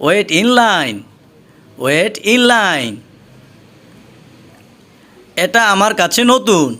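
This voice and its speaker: A man with a Bengali accent teaching English, reading each short phrase twice, slowly and deliberately. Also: sits high, big pitch swings, bright, forceful tone. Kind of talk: slow repeated phrase drills for learners.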